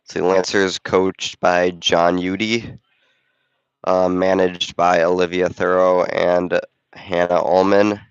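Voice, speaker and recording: Running the camera while casually calling a basketball game in a school gym, this volunteer commentator chats and thinks aloud, stuffed up with a cold. He has a deep voice with a clean tone, recorded dry but with dull audio.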